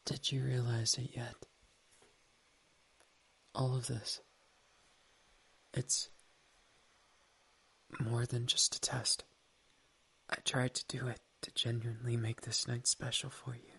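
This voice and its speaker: A speaker performing an ASMR roleplay as a doting partner, whispering softly, close to the mic, affectionate and teasing. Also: mid-range voice, flat delivery, slow, vocal fry, long pauses, husky, rough recording. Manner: soft, intimate whispering.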